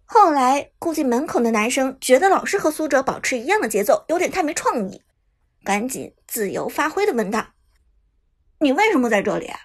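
A woman narrating a web novel audiobook with expressive storytelling. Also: sits high, a little fast.

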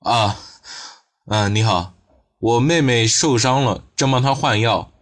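A man's voice: mid-range voice, unhurried, fairly bright tone, close to an everyday voice. Polite young shop guy, kinda hesitant, dude reading him audiobook style. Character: young man running a snack shop, polite and flustered. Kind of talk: audiobook character voice.

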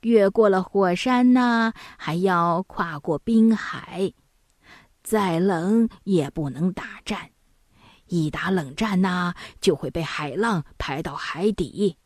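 Woman doing a hushed wise old granny. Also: lowish voice, takes it slowly, dry recording, clean studio sound. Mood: warning. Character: wise old mountain granny, calm and knowing.

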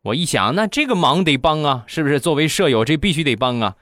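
A man's voice: on the high side, fast, no room sound, clean studio sound. A young man hosting a comedy program, telling funny anecdotes and acting out the voices of the people in them. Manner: lively, acts out quoted voices. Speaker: comedy podcast host. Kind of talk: storytelling jokes.

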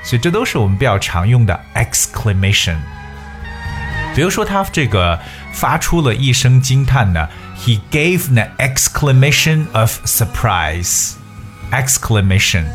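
A man's voice: mid-range voice, sing-song, moderate pace, soft background music. A man hosting an English lesson for Chinese listeners, mixing English and Chinese and spelling words out letter by letter. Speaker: host.

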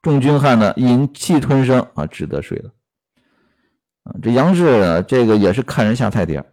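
A man's voice: medium pitch, sing-song, moderate pace, a little mellow. A man retelling a classic novel episode and commenting on it, with frequent fillers and rhetorical questions. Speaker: storyteller and commentator. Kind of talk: storytelling with workplace commentary.

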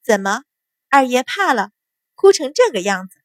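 A woman voicing a sly young maidservant who mocks a captive in soft, teasing taunts. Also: a little high, sing-song, moderate pace, no echo, studio quality.

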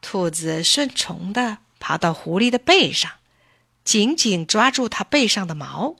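A woman reading a children's story aloud in clear, expressive storybook narration. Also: mid-range voice, a little slow, no echo, clean studio sound.

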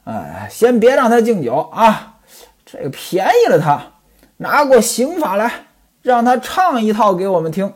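A man reading out a brash, crude hanger-on who mocks and needles everyone, his lines pitched a bit high and bouncing around. The voice keeps a light husky rasp. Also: big pitch swings, unhurried, exaggerated voice. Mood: mocking. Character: crude teasing male hanger-on, mocking and brash.

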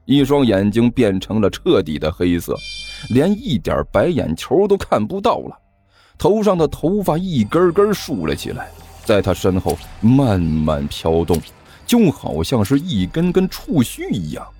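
Man, comic audiobook narrator, very lively pitch, husky. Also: faint music behind. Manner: lively storytelling, slow delivery.

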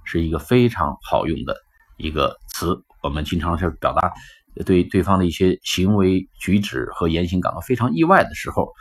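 A man with a Cantonese-influenced Mandarin accent teaching a casual spoken-English lesson, animated and acting out the phrases he explains. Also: low voice, moderate pace, slightly rough. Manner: animated, acts out quoted lines.

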